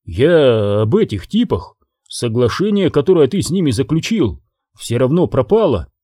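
A man's voice: medium pitch, sing-song, normal speed, warm tone, no room sound, clean studio sound. A male audiobook reader voicing a defensive hitman who grumbles and mumbles excuses to his boss.

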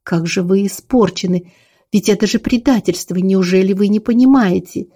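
A woman's voice: medium pitch, moderate pace, dark tone, natural voice. A woman voicing Sofia, a tired young Russian opera singer who bursts out indignantly. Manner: exhausted, indignant outbursts.

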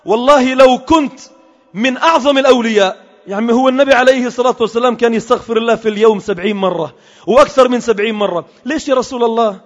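A man's voice: very high voice, very fast. A man giving an impassioned Friday sermon in a mosque, asking the crowd rhetorical questions and mixing formal and everyday speech. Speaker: Friday preacher. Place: large mosque hall. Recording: lo-fi recording with long hall reverb.

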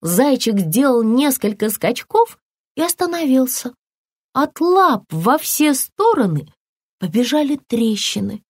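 A woman narrating a children's audiobook in an expressive storytelling voice, recorded on a close microphone. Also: measured pace, husky, no echo. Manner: expressive storytelling with lively pitch.

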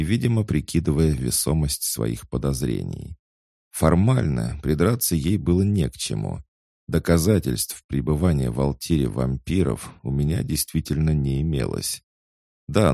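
A man reading a first-person audiobook in a measured, dry and wry manner. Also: very deep voice, vocal fry, warm tone, no echo. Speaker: audiobook narrator.

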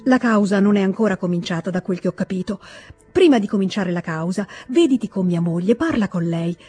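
Emotional begging nobleman, raised and loud, read by a husky-voiced woman. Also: mid-range voice, a little fast, soft background music, lightly acted. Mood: imploring. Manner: emotional, imploring, rising to cries. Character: pleading warm-hearted middle-aged nobleman, brother-in-law.

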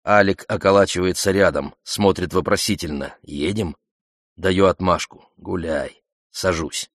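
A man's voice: sits low, normal speed, no room sound, studio quality. A man narrating an audiobook in the first person, with a terse, clipped delivery.

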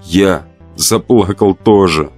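Low-voiced man narrating horror. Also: slow, faint music behind. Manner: expressive, acts out shouts and laments. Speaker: audiobook narrator. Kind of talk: dramatic first-person horror narration.

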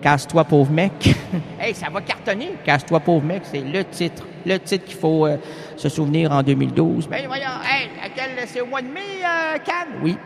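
Playful Québécois man, high voice. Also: big pitch swings, normal speed, creaky, noisy background. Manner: playful, rambling, wordplay. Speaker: improvising comic. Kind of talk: improvised comic monologue. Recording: long hall reverb with faint music.

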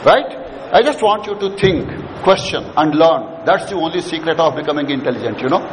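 A man's voice: on the high side, lively intonation, fairly quick. A man with an Indian accent giving an interactive lecture to students, prodding listeners with questions and repeating his points. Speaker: lecturer leading a management session. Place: large hall with an audience of students. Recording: echoey hall, clearly noisy background.

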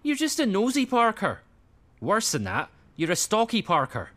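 A man's voice: high-pitched, wildly swooping pitch, moderate pace, fairly bright tone, heavily acted. An actor with a Scottish accent playing a defensive, dry-humoured young man. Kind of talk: sitcom acting.

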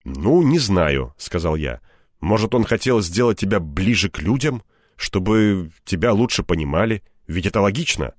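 A man's voice: sits low, lively intonation, normal speed, no room sound, studio quality. A man narrating a first-person audiobook, wry and a bit grumbling as the hero. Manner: wry, grumbling when in character.

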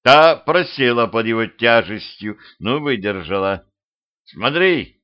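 A man reading a humorous spooky audiobook in a steady, even storytelling manner, recorded at home with dull lo-fi sound. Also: lowish voice, normal speed. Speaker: audiobook narrator. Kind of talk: scripted narration.

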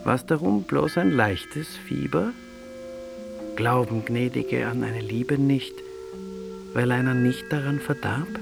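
Man reading prose real slow, gravelly edge, music in the background. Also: mid-range voice. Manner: slow, measured literary reading. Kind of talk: scripted audiobook reading. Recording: music behind the voice.

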